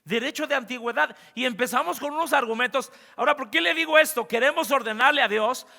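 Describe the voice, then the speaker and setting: A man preaching a sermon to his congregation, animated and swinging between loud and hushed. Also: very high voice, fast, gravelly, long reverb tail. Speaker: pastor. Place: church sanctuary.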